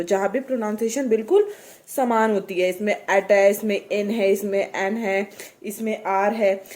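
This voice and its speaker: A young woman tutor casually explaining how to teach children reading, slowly sounding out English words letter by letter, with many fillers and repetitions. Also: mid-range voice, dark tone. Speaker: home tutor.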